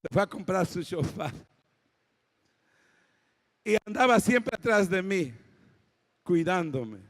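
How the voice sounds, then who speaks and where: Gravelly Mexican preacher in echoing hall. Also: male voice, high-pitched, lively intonation, slow pace. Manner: dramatic storytelling, rising to shouted exhortation. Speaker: pastor. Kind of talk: sermon. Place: church auditorium. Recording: long church-hall reverb.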